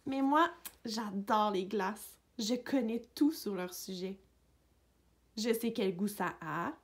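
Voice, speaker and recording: A woman reading a picture book aloud for young children, narrating gently in a dog's voice of first person. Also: medium pitch, takes it slowly. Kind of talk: read-aloud storybook narration.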